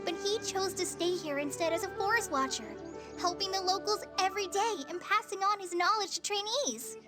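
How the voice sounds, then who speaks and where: A shy young forest trainee. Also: female voice, very high voice, brisk, loud music behind the voice. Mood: gentle. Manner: soft-spoken, hesitant. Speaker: game character. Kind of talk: video game voice acting.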